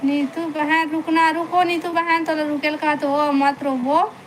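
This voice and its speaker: A woman's voice: high voice, level tone, slow, soft background music. A woman with a Chhattisgarhi accent, chatting on a phone live stream, greeting viewers by name and coaxing them to stay. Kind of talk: casual live chat reading viewer comments. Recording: noisy live-stream audio.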